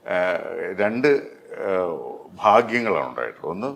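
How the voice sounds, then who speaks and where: A middle-aged man, a dubbing artist, talking in an interview with many pauses and fillers. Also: fairly low pitch, sing-song, a bit bright. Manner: hesitant, many fillers and restarts. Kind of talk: interview conversation.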